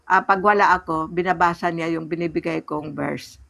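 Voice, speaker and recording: A woman telling her personal faith testimony in conversation, earnest and halting, acting out remembered dialogue. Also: fairly low pitch, steady tone, gravelly, a bit bright. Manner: earnest storytelling, often pauses and restarts; replays remembered dialogue in a raised voice. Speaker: church member giving testimony.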